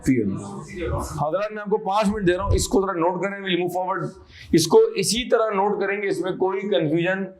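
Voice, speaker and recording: Guy lecturing a class, animated, keeps quizzing everyone, high voice. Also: moderate pace, rough recording. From Pakistan. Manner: animated, drills students with repeated questions and chanted phrases. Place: classroom with students. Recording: classroom lecture with students audible.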